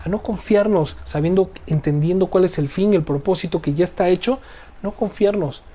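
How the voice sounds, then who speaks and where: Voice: mid-range voice, moderate pace, mellow. Earnest Bible study teacher. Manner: earnest, repeats phrases, asks rhetorical "¿no?".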